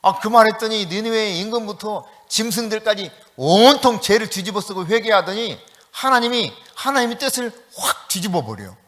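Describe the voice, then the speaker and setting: A man preaching a sermon as pastor, telling a story in a lively way and acting out the quoted voices. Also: high voice, moderate pace, hardly any pauses, in a large hall. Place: church sanctuary.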